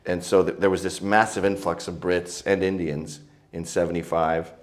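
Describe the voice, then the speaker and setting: A man's voice: low voice, little pitch movement, normal speed. A middle-aged man, telling stories as an interview guest in a crude, joking, provocative way. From Canada. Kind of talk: casual interview storytelling.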